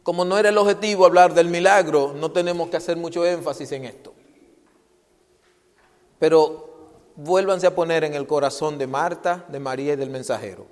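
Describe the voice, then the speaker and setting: A man preaching a sermon on a microphone. He asks rhetorical questions and swings between loud, emphatic lines and hushed ones. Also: on the high side, normal speed. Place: church hall. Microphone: handheld microphone. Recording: hall with long reverb.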